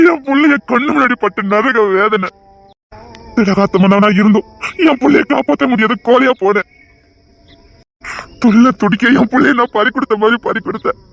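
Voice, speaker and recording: A man's voice: very high voice, vocal fry, fairly bright tone, exaggerated voice. An actor playing a sorrowful, guilt-ridden older father who talks heavily and breaks into sobs. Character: grieving older father, guilt-ridden protector of his girl. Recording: dull lo-fi audio.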